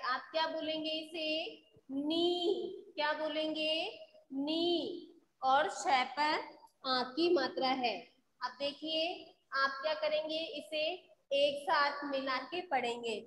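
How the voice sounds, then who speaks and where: A woman teaching a school phonics class online, asking her students questions and answering them herself, and slowly sounding out syllables. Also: sits high, a bit bright. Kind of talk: online Hindi phonics lesson. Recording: echoey room with faint background noise.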